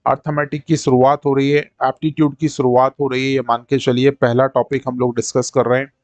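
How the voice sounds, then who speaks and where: A man teaching a live-streamed maths lesson, drilling fractions and percentages in quick call-and-response and checking that his students follow. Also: mid-range voice, level tone, no room sound. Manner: coaxing, repeats "ठीक है" to check students follow.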